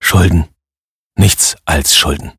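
A man voicing a quiet, careworn mother. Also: extremely low pitch, vocal fry, slightly rough, no room sound, clean studio sound, heavily acted. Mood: weary. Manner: soft, subdued, slow.

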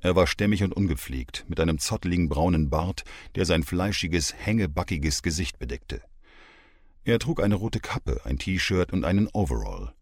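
Male audiobook narrator, deep and husky, lively delivery, dry studio sound. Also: moderate pace, no echo.

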